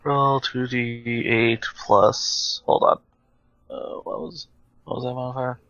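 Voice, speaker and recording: A man playing in a tabletop game, unhurried and thinking out loud about his options. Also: mid-range voice, flat delivery, no room sound. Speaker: player. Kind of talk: casual tabletop game chat. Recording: dull lo-fi mic.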